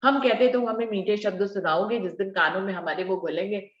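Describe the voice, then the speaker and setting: A woman leading a devotional scripture discussion, explaining verses slowly and repeating key phrases for emphasis. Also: medium pitch, roomy sound, muffled recording. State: slightly unwell. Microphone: video call.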